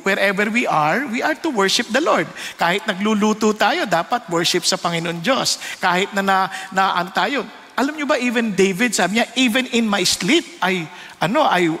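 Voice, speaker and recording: A Filipino man delivers a sermon as pastor in a very high, bright voice. He is animated and jumps between Tagalog and English, putting on the voices of people in his stories. A long reverb trails his words through a large worship hall.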